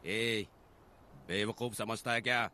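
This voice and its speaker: An actor dubbing a hot-tempered young farmer hero who gives stern, threatening orders. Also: male voice, lowish voice, fairly even intonation, takes it slowly, bright, forceful tone, slight background noise. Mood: commanding. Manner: commanding, threatening. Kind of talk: dubbed film acting.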